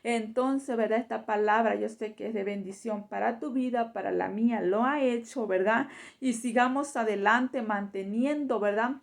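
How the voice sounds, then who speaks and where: A woman with a fairly high voice delivers a fervent sermon. She keeps tucking short tag questions into her exhortations to the listeners. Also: normal speed, vocal fry. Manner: fervent preaching, constantly adding tag questions. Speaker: preacher. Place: church.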